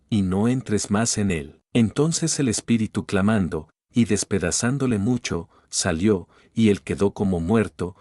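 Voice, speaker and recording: A man reading scripture aloud in a measured, even recitation. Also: on the low side, no echo, studio quality. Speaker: Bible reader.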